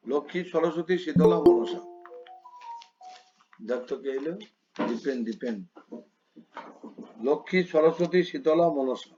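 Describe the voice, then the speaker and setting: High-voiced man teaching over a call. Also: highs cut off, slight background noise. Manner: gentle, corrective, repeats page numbers. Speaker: priestly studies teacher. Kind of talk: online class instruction.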